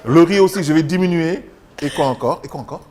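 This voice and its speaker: A man with a Senegalese accent hosting a TV talk show in a lively, conversational way. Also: on the high side, fast.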